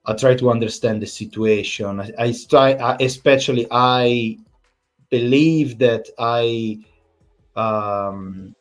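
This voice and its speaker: A man's voice: mid-range voice, slow, faint music behind. A man, hosting a fan channel, giving an exasperated, repetitive post-match rant full of swearing.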